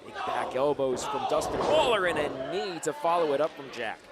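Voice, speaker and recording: A man's voice: on the high side, expressive, moderate pace. A man giving live analysis and reactions as an opinionated wrestling commentator. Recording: live event, loud crowd noise. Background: very loud crowd and venue noise.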